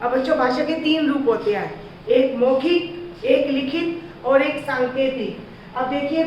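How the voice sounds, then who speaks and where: A woman teacher giving a slow, patient grammar lesson to young children, asking them questions as she explains. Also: high voice, a little hiss or hum. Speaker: school teacher. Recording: echoey, distant, dull lo-fi sound.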